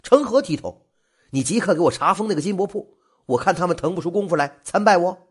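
A man's voice: mid-range voice, big pitch swings, fairly quick, slightly rough. A man doing a huffy pompous prefect. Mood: outraged. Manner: huffy, snorting, bossy. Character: pompous new male prefect, touchy and haughty.

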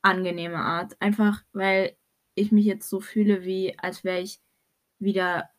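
A young woman in casual chat, talking in a slangy, animated way. She throws English swear words into her German and acts out both sides of the stories she tells. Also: medium pitch, unhurried.

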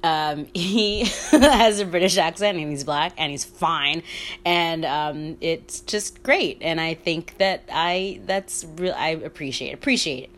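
A woman's voice: low voice, slow pace. A woman in her thirties hosting a solo podcast, talking in a rambling, candid way, swearing freely and laughing often. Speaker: podcast host. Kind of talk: casual solo podcast monologue.

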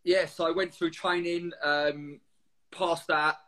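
A man's voice: on the high side, level tone, takes it slowly, pushed and bright. A man in his forties with an Essex accent, telling anecdotes in casual interview chat with informal, slangy, blokey speech. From Essex, England. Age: 40s. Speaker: guest, former military serviceman.

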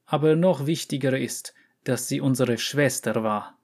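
A man reading an audiobook story, voicing a taciturn female tracker who speaks flatly. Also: mid-range voice, a little slow. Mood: solemn. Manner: flat, few words.

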